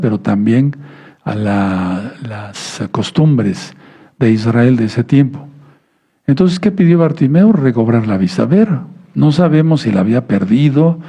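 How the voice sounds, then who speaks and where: A man preaches a sermon in a patient teaching tone. His voice is gravelly and a little husky, with a warm, dark colour. He stumbles over and restarts words and keeps asking his listeners whether they follow. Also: mid-range voice. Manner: teaching tone, many restarts and stammered words, asks the audience "¿sí?".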